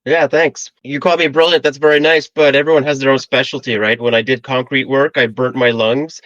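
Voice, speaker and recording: A man's voice: mid-range voice, steady tone, brisk, fairly bright tone, dry recording, muffled recording. A man in his forties from the Philippines, a podcast guest talking in a friendly, joking way. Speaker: guest, AI consultant. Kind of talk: casual interview chat.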